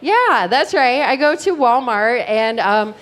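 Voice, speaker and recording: Middle-aged female comedian, fairly high-pitched, chatty and digressive, speaking directly to her crowd. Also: sing-song, takes it slowly, a bit bright. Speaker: stand-up comedian. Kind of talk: stand-up comedy.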